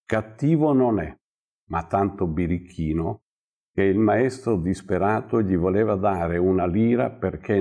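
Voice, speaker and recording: A tired, worried village mother, voiced by a man reading aloud. The delivery stays slow and dark, with a husky grain. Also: deep voice, heavily acted. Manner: complaining, weary. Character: poor weary village mother, worried about her son. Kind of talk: storybook reading.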